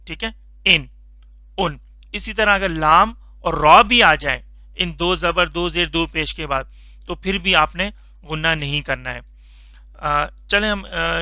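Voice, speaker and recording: A man teaching a Quran reading lesson, slowly drawing out each letter sound for learners to repeat, patient and instructive. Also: a little high, pushed and bright, no echo. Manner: slow drawn-out recitation of letter sounds for repetition. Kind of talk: Noorani Qaida tajweed lesson.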